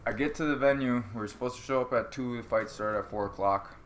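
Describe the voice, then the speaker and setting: A man's voice: medium pitch, a little fast, a little hiss or hum. A man telling a fight story to friends in casual, profane chat, acting out what people said. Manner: profane, animated, acts out quotes. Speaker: amateur fighter.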